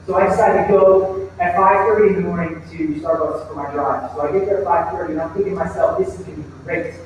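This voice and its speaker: A man's voice: high voice, fairly even intonation, fast talker, lo-fi sound, a little hiss or hum. A man preaching a sermon in a church, telling stories and acting out the voices in them. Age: adult with a child. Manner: storytelling, acts out quoted voices. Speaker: pastor. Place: church sanctuary. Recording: echoey church hall from far off.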